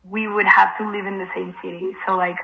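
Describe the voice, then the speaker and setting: A woman's voice: mid-range voice, level tone, brisk, vocal fry, highs cut off. Earnest Spanish-native woman, lots of "like". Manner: hesitant, fills with "like" constantly, earnest. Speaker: guest. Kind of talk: casual conversation.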